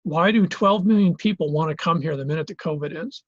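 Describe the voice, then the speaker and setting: Conversational male lecturer, husky voice. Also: a little high, fairly quick, no echo, muffled recording. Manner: conversational, thinks aloud with many fillers and restarts. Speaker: college geography lecturer. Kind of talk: classroom lecture with discussion. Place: classroom in Hawaii.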